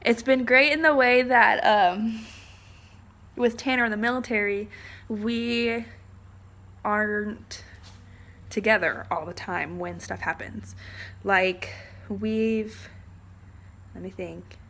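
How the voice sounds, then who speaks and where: A woman's voice: medium pitch, steady tone, slow, long pauses, a bit bright. Young woman rambling to her camera, lots of likes and ums, easygoing vlog chat. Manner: rambling, chatty, frequent "like" and "um". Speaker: vlogger, military spouse.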